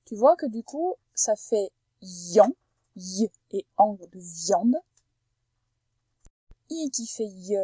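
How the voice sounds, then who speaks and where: A woman teacher with a mellow, slightly husky voice walks a young pupil through a phonics lesson. She talks patiently and slows right down to over-articulate each sound. The recording is close and dry. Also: medium pitch, dry recording, poor audio. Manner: slow, careful over-articulation of sounds for a child.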